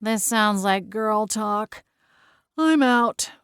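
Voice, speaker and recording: A woman's voice: mid-range voice, drawn-out words, clean tone, no echo. Grumbling male ghost cat, played by a female narrator, aloof, dry delivery, audiobook. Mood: bored. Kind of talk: audiobook character voice.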